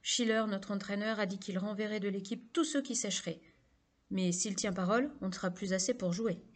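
A blunt, offhand teenage jock, as a woman narrator reads him. He talks in a plain, casual way, the voice close to the reader's own middle pitch. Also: brisk, natural voice. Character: teenage boy football player, blunt and jokey.

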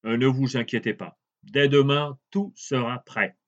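A man voicing a poor, generous woodcutter in a calm, plain voice. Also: mid-range voice, a little slow, lightly acted. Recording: dull lo-fi recording.

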